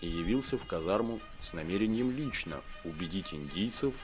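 An actor playing a soldier who narrates comic army tales in a deadpan, mock-solemn scripted style. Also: male voice, low-pitched, a little fast, music in the background. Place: studio voice-over.

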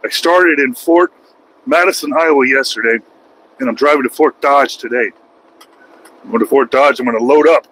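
An American man in his forties talks his way through a night drive in his truck cab, rambling and poking fun at himself. His voice sits at an ordinary middle pitch, and a faint hum of road and engine noise runs underneath. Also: moderate pace, long pauses, a bit bright, low-quality recording. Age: 40s. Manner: rambling, self-mocking, joking. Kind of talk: casual vlog monologue while driving.

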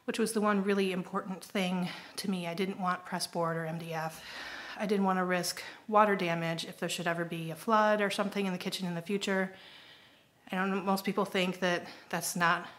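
A woman's voice: lowish voice, fairly even intonation, fairly quick, a bit bright. A middle-aged woman chatting casually through a home renovation update, pointing things out with frequent ums, filmed on a handheld phone in a kitchen. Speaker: homestead vlogger. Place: kitchen under renovation, indoors. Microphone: handheld phone camera at arm's length.

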